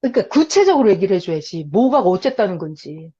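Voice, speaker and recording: Animated woman preaching over a video call. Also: mid-range voice, quick pace, slightly rough, lo-fi sound. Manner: animated, asks the audience questions. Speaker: Bible teacher. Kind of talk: online Bible study sermon.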